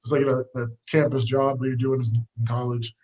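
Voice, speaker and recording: A man's voice: mid-range voice, flat delivery, normal speed, a little mellow, lo-fi sound, a little hiss or hum. A young man from the United States, a fighter guest, talking about his past in an easygoing, rambling way with lots of fillers while out on a walk. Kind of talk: casual storytelling interview. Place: walking outdoors.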